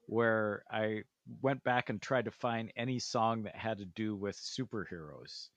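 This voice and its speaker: A man who is a guest on a music podcast, talking in an unhurried, measured way. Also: on the low side, no room sound. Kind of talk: casual music chat.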